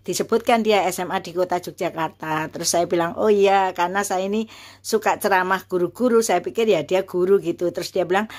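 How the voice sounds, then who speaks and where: A university lecturer in her fifties tells her own story as a warning to viewers, acting out the quoted dialogue in a higher voice. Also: fairly even intonation, brisk, a little mellow. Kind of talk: personal testimony, warning viewers.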